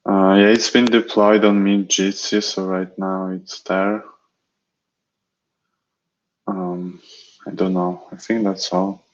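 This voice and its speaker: A developer explaining technical work on a video call, slow and hesitant. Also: male voice, low voice, level tone. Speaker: developer on the team. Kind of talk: casual update on a video call. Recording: dull lo-fi call audio.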